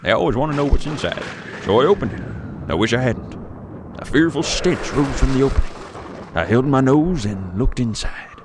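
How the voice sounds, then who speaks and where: A man's voice: medium pitch, expressive, normal speed, background noise, lightly acted. A man playing an old grandfather who tells a spooky tale to a grandchild in a playful, dramatic way. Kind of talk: storybook read-aloud.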